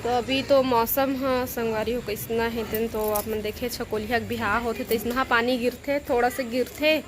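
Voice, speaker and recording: A woman's voice: a little high, fairly even intonation, normal speed, noisy background. A woman with a Chhattisgarhi accent chats casually to her viewers as a home vlogger. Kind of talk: casual vlog chat. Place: at home in the evening.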